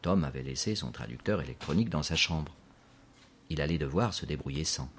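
A man narrating a storybook in a measured, scripted audiobook delivery. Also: very deep voice, expressive, a little hiss or hum.

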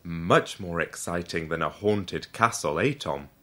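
A man voicing a cheerful hotel manager in a slow storybook reading. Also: low voice, fairly bright tone. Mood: jovial.

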